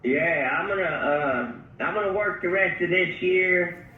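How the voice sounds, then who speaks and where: A man, talking casually over a phone on speaker, halting with many pauses and restarts. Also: sits high, far from the mic, slight background noise. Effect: heard over a phone on speaker. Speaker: customer on a phone call. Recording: tinny speakerphone from across an echoey room.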